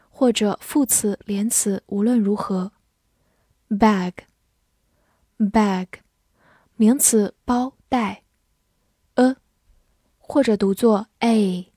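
A woman's voice: mid-range voice, mellow, no room sound, studio quality. A woman teaching English vocabulary, saying each word twice and then giving its meanings, in scripted lesson narration.

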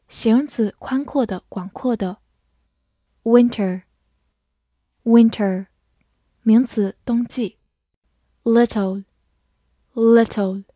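A woman reading vocabulary, saying each word twice, then its meanings in a measured drill. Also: a little high, dark tone, no echo. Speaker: vocabulary reader. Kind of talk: slow dictionary-style word drill.

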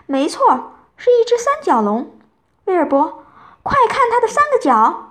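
A woman reading aloud, voicing a cheerful, excitable female witch who keeps exclaiming eagerly. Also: sits high, normal speed. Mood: excited.

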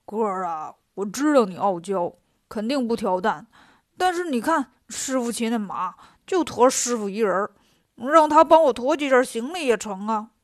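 A woman's voice: a little high, lively intonation, moderate pace, dry recording, clean studio sound, natural voice. A woman doing a grumbling, lazy pig-monk. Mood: complaining. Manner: complaining, whiny.

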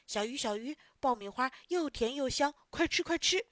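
A woman doing a cocky little village boy from a children's storybook, eager and loud in his bragging. His bright voice swings up and down. It is recorded close and dry. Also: medium pitch, very animated, moderate pace, no echo. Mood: coaxing. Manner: eager, boastful, shouty.

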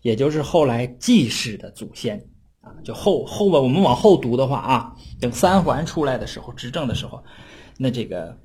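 A man with a slightly husky, mid-pitched voice lecturing informally on ancient texts. He talks in a relaxed, conversational way and keeps turning to his listeners with little tag questions. When he quotes a classical passage, he slows to a measured reading pace. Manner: chatty, often adds tag questions for listeners; slows down to read classical text aloud. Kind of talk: casual explanatory lecture.

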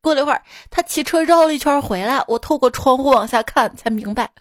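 A woman's voice: high-pitched, quick pace, dry recording, studio quality. A woman radio host reading funny listener stories in a playful, laughing manner. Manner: playful, laughing often, doing small voices.

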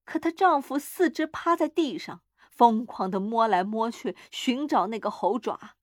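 A woman narrates a horror story in a measured, dramatic reading. Her voice sits a little high, and the recording is dry and close with no room echo. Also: lively intonation.

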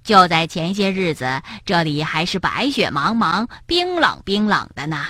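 A woman's voice: fairly low pitch, very animated, a little slow, sharp tone, no room sound, clean studio sound, heavily acted. A woman voicing a carefree young frog in a children's story, exclaiming in wide-eyed wonder. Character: carefree, dreamy young frog, easily impressed.

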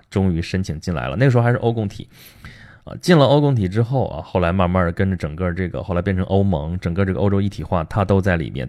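A man's voice: fairly low pitch, a little mellow. A man hosting a casual history talk, speaking conversationally and tagging his points with rhetorical questions. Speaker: host.

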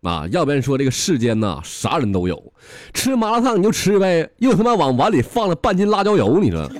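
A man's voice: fairly high pitch, huge pitch swings, a little fast, noisy background. A man with a Northeastern Chinese accent hosting a comedy podcast, telling bawdy jokes with plenty of chuckling. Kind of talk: comic storytelling.

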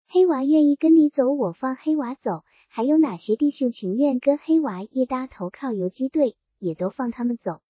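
A woman's voice: sits high, slightly rough, no echo. A woman voicing a sly, self-assured male bandit chief in a storybook reading, speaking coolly and with teasing confidence. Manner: cool, teasing, then curt. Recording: dull lo-fi sound.

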